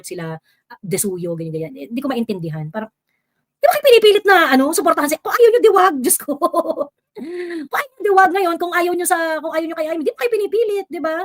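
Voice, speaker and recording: A Filipino woman hosting a live stream, reading viewer comments and talking politics in a casual mix of Tagalog and English, full of fillers and exasperated asides. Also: fairly high pitch. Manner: switches between Tagalog and English, many fillers, rising exasperation.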